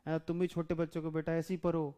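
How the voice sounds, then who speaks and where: A male teacher leads a chemistry lesson in a high, clear, resonant voice. He is patient, keeps checking whether the class follows, and stretches out each item when he reads a list aloud. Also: monotone, mellow. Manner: patient, repeats questions to the class; drawn-out enumerating of names.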